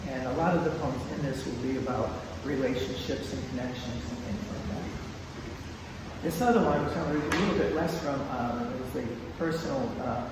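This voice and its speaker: A man's voice: medium pitch, normal speed, very noisy. An older man, a poet, chatting casually with fillers between poems he reads aloud. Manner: rambling, folksy, many fillers. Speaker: poet giving a reading. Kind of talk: poetry reading with casual asides. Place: church hall. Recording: echoey hall, distant mic.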